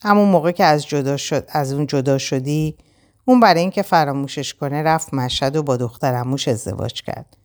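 A woman's voice: sits low, darkish tone, close to an everyday voice. A woman reading the lines of a reproachful, blunt young man in a storybook. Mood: even. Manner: reproachful, firm.

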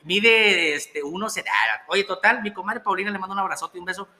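A man's voice: high-pitched, brisk, bright, forceful tone. A young man with a Mexican accent telling a story in casual, profane, slang-heavy chat and laughing as he goes.

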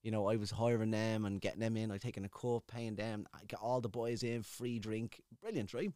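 A man's voice: fairly low pitch, brisk, a little mellow, clear, resonant tone, no echo, studio quality. A man with an Irish accent chatting casually, rambling and swearing freely as he tells stories. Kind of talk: casual chat.

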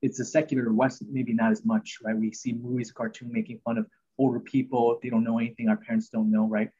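A man's voice: mid-range voice, level tone, fairly quick, dark tone, husky, lo-fi sound. A man hosting a podcast, talking through Bible passages in an earnest, rambling way with many fillers and restarts. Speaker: podcast host. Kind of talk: casual Bible teaching chat.

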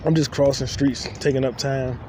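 Recorded on his phone as he walks outdoors through city streets, a young man hosts a podcast, joking and rambling loosely to himself in a solo monologue. He speaks with medium pitch, fairly even intonation and a moderate pace, while traffic noise runs in the background.

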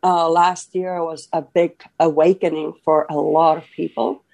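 Low gravelly woman. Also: little pitch movement, measured pace, mellow. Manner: earnest, many fillers and restarts. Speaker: podcast guest, author. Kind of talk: casual interview talk.

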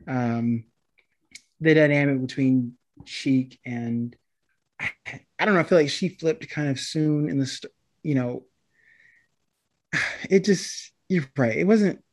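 A man's voice: medium pitch, takes it slowly, long pauses. Rambling man reviewing a movie. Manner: meandering, hesitant with many ums. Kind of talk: casual chat.

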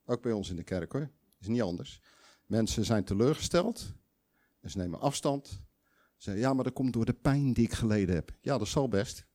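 A man's voice: on the low side, dark tone. A man preaching a sermon in a conversational, emphatic way, putting questions to the audience and acting out quoted voices.

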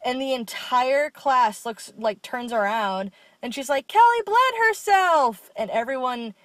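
A woman's voice: on the high side, steady tone, measured pace, no room sound. A young woman co-hosting a podcast, telling stories candidly and swearing freely in casual chat. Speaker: podcast co-host.

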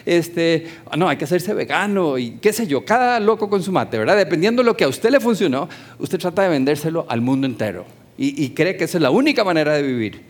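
A man's voice: on the high side, very animated, quick pace, hardly any pauses. Conversational preaching man. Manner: conversational, asks the congregation questions. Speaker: pastor. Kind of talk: sermon. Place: church hall, also streamed.

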